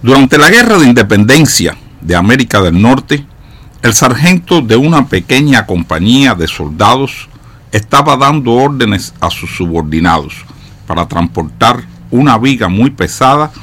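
A man's voice: fairly low pitch, a bit bright, slightly rough. A man, an educator and radio commentator, telling moral stories in an earnest manner. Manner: earnest, storytelling.

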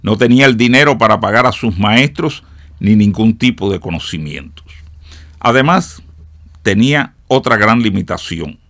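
A man with a low, gravelly voice tells an inspiring tale in a studio radio commentary. He speaks slowly and with heavy emphasis, addressing his listeners directly. The sound is dry and close. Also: lively intonation, a bit bright, dry recording. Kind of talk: scripted motivational radio storytelling.

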